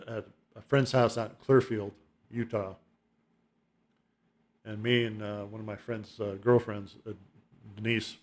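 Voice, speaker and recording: Rambling, chuckling middle-aged man. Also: lowish voice. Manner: rambling, chuckling, nostalgic, full of fillers. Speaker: album ranking vlogger. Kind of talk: casual rambling monologue.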